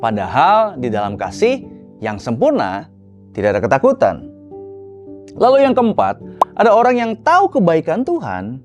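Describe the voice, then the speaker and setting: A man's voice: mid-range voice, darkish tone. A man, preaching a casual youth sermon full of rhetorical questions. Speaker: youth pastor.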